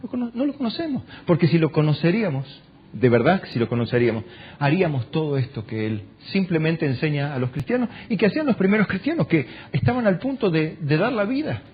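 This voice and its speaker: Man, Argentine Spanish accent, pastor preaching a sermon, rhetorical questions, loud peaks and soft prayerful drops, slightly high voice, dull muffled recording. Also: very animated, brisk, husky. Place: church.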